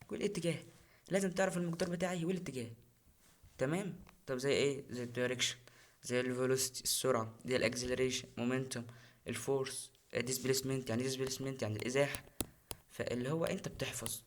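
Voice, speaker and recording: A young man with an Egyptian Arabic accent, tutoring physics for an exam in a casual, chatty way and repeating key terms. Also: medium pitch. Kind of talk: recorded exam-prep lesson.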